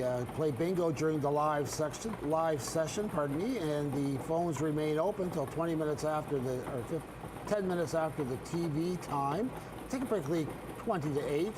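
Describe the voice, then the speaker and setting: A middle-aged man with a Canadian accent working as a bingo caller on a live broadcast, announcing and repeating each call in a measured, formulaic cadence. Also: fairly high pitch, background noise.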